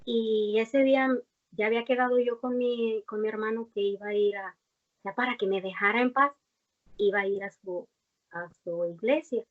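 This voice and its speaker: A young woman, appearing as a guest, shares a heartfelt personal faith testimony in conversation, earnest and rambling, with many fillers and restarts. Her mid-range voice is steady at a normal speed. The recording is dull and lo-fi.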